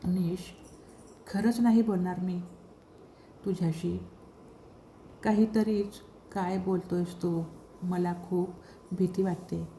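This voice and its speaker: A woman's voice: fairly low pitch, steady tone, slow pace, pauses often, warm tone, slight background noise. Woman reading a frightened, pleading young wife. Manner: pleading, anxious.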